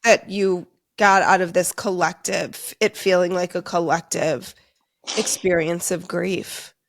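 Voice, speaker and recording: Female podcast host, lowish voice, dry close sound, thoughtful and empathetic. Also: steady tone, a little slow, creaky, no room sound. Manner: empathetic, thoughtful, explains at length. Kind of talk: casual interview conversation.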